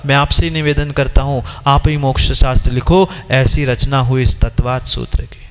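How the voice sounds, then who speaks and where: A man's voice: medium pitch, steady tone, moderate pace, clean tone. A man, a Jain monk, giving a sermon who questions and scolds his listeners as he teaches. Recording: long hall reverb.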